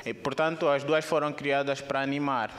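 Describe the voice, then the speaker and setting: A man's voice: fairly quick, a little hiss or hum. A young man with an Angolan Portuguese accent performing a stand-up comedy set on a theater stage, speaking into a handheld microphone. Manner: animated, jumps into high squeaky put-on voices. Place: theater stage with live audience.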